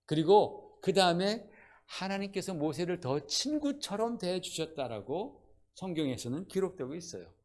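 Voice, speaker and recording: Male pastor, slightly high voice, animated sermon delivery with questions to the congregation, church setting. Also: moderate pace. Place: church sanctuary.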